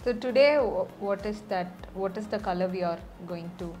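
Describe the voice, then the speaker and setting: A woman's voice: mid-range voice, moderate pace, a little mellow. A woman asking casual questions as an interviewer. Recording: background music under the talk.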